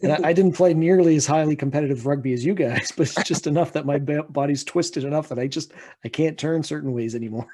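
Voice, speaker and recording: A man hosting a podcast, asking quick casual questions and chatting along. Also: a little high, dark tone. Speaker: podcast host.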